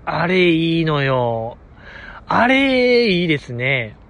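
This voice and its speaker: A young man with a Kansai accent talks alone as a chat host, rambling with a fan's eagerness. His voice sits fairly high and swings widely up and down. The talk is loose and unscripted. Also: sing-song, takes it slowly, fairly bright tone. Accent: Kansai Japanese. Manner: rambling, enthusiastic fan commentary. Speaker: podcast host. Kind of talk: casual solo chat.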